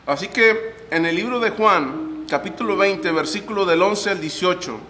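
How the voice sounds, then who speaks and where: A man's voice: high-pitched, moderate pace, bright, forceful tone. A man leading a Bible study and asking the group questions as he teaches. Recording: echoey hall, faint room noise.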